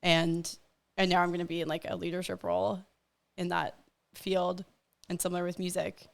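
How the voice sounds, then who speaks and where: A woman's voice: on the low side, level tone, moderate pace, creaky. Chatty woman guest, rambling with fillers. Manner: rambling, filler-heavy, laughs often. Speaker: podcast guest. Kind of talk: casual chat.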